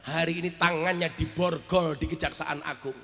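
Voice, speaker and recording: A male preacher telling an emotional personal story in a sermon, dropping to a hush and rising to shouts. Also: on the high side, fairly even intonation, moderate pace, long reverb tail. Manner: emotional, swings from hushed to shouting.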